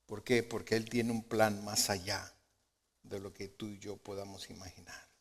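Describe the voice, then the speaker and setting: A man preaching a sermon as pastor, asking rhetorical questions and moving between soft low asides and loud emphatic lines. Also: level tone, normal speed. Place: church sanctuary. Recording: long hall reverb of a church sanctuary.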